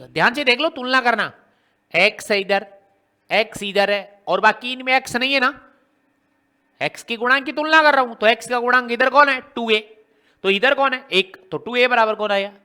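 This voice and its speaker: A man's voice: very high voice, unhurried, sharp tone, smooth. A man teaching a maths lesson, working through a problem step by step and asking his students question after question. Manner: explains step by step, often quizzing students with rhetorical questions.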